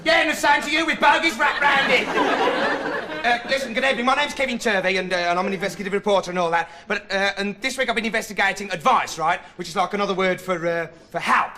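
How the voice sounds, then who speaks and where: A young man playing a dim, rambling self-styled investigative reporter who keeps losing his thread, with ums and rights, in a deadpan comic monologue. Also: high voice, fast talker. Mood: flustered. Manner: meandering, hesitant, full of ums and rights. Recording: loud studio audience laughter, noisy old TV tape. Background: audience laughing.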